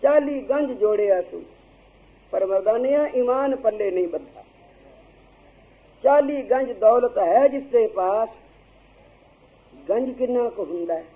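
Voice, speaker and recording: A man's voice: extremely high pitch, animated, unhurried, pauses often. A man, preaching and telling a moral story as a Sikh preacher, acting out the voices of the people in it. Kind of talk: storytelling religious discourse. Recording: tinny phone-like lo-fi recording.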